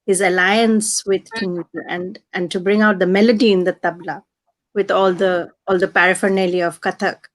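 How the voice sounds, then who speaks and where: A woman hosting a discussion, speaking slowly and haltingly, often repeating words. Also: mid-range voice, little pitch movement. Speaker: host. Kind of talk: slow moderated discussion.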